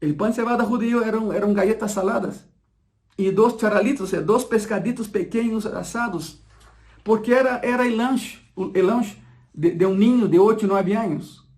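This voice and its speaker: A man preaching a sermon, emphatic and repeating key phrases slowly so the congregation absorbs them. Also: high voice, a little mellow.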